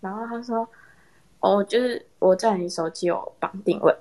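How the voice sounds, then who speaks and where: A young woman casually telling a personal story in a chat with friends, animated and laughing often. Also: mid-range voice, moderate pace. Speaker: storyteller in a horror story contest.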